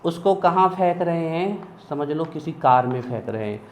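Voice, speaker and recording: A man's voice: on the high side, expressive, moderate pace. A man teaching chemistry in a classroom lecture, chanting mnemonic lists in a sing-song rhythm. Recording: echoey room, dull lo-fi sound, faint hiss.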